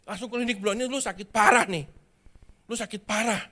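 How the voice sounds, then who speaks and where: Preacher playing a frantic buddy, rushing and commanding. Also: male voice, high voice, bright, forceful tone. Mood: urgent. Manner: urgent, hurried commands. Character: urgent young male student friend with a car.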